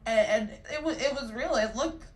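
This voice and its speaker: A woman's voice: a little high, moderate pace. A woman pleading emotionally and tearfully before a judge in a courtroom recording played from a court show. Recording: echoey courtroom, voice from off-mic.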